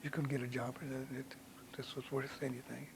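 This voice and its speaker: A man's voice: mid-range voice, little pitch movement, fairly quick, gravelly, background noise. An older man earnestly recounting community struggles, repeating himself with restarts. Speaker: community veteran interviewee. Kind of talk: oral history recollection.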